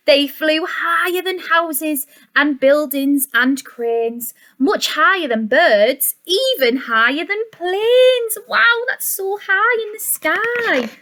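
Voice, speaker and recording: A high-voiced woman slowly reads a children's story; she is a teacher sharing a picture book with young children. Her animated reading is expressive, deliberate and sing-song, with gasps, questions to the listeners and chatty asides.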